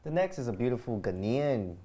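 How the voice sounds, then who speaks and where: A woman's voice: very deep voice, very animated, fairly quick, dark tone. A woman co-hosting a casual panel chat, playful and teasing as she tells stories. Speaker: co-host.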